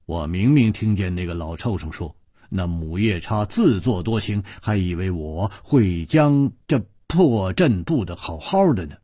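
A man's voice: low-pitched, expressive, measured pace, warm tone, dry recording, studio quality, full character voice. A man voicing a hot-tempered, hard-drinking swordsman who mocks and grumbles. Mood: mocking. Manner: mocking, gruff, laughing.

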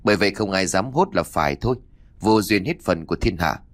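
Guy doing blunt grumbly married dude, low voice, dry close read. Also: expressive, fairly quick, no echo. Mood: scolding. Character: rowdy young married man, fishing buddy.

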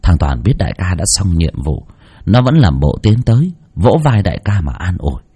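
A man narrating a spooky folk story in an expressive storytelling voice, with mocking asides. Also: low-pitched, normal speed, husky.

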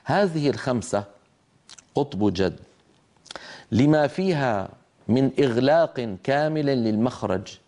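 Brief: male tajweed teacher, mid-pitched, patient, models each sound for the class. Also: lively intonation, measured pace, pauses often, darkish tone. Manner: patient, demonstrates letter sounds aloud; asks listeners to repeat after him. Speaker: Quran recitation teacher. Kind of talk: televised tajweed lesson.

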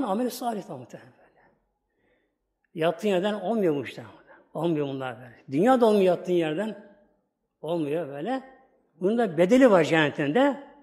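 A man with a high voice preaches a sermon. He is middle-aged and talks to his congregation through stories and rhetorical questions. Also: darkish tone.

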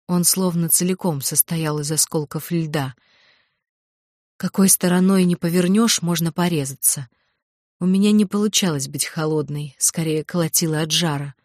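A woman reading a first-person audiobook in a measured, tense storytelling manner. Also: lowish voice, no echo, clean studio sound. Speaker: audiobook narrator.

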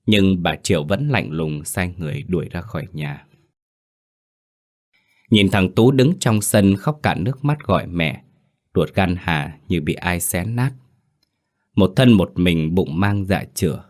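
A man with a very low voice reads a dark folk tale aloud. His telling is solemn and dramatic, with a steady scripted delivery. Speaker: narrator.

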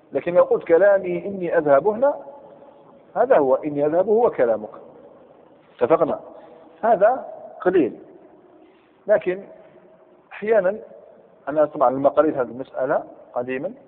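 A man's voice: on the high side, animated, brisk, long pauses. A man teaching a grammar class, quizzing his students and repeating each example. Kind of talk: classroom lesson. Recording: tinny lo-fi recording in echoey hall.

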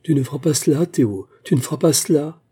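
Timid, pleading young woman in a read-aloud story, voice raised a little, husky and mellow, as a male reader puts her on. She sounds anxious and small. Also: fairly high pitch, lively intonation, fast, voice pushed up.

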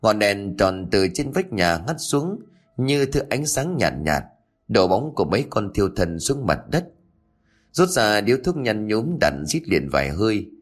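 Low-voiced male story narrator. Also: big pitch swings, unhurried.

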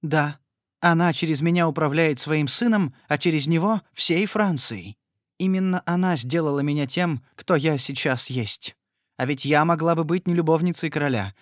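Tearful, timid young noblewoman in a storybook reading, high and pleading, as a male reader puts her on, dry sound. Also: dry recording, lightly acted. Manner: tearful, imploring.

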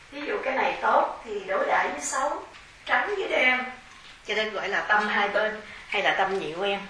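A woman, a Buddhist nun, giving a measured, explanatory dharma lecture and carefully spelling out terms. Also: medium pitch. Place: large temple hall. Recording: echoey hall, distant mic, faint hiss.

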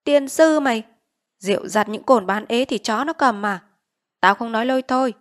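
A woman's voice: on the high side, normal speed, voice pushed up, lightly acted. A woman voicing a brutal, bullying male village chief in an audiobook reading, barking orders and threats. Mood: furious.

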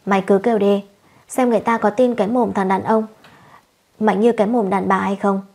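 A woman voicing a sharp-tongued young village wife who scolds and curses shrilly, in a storybook reading. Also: mid-range voice, steady tone, brisk, gravelly, breathy edge. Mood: furious.

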